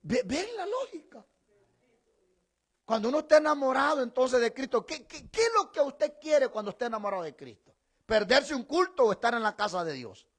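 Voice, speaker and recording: Middle-aged pastor guy preaching, kinda high voice, bounces all over, jokes w the congregation then gets loud and emphatic. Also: very animated, normal speed. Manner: conversational preaching with teasing asides to the congregation; rises to emphatic proclamation. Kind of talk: sermon.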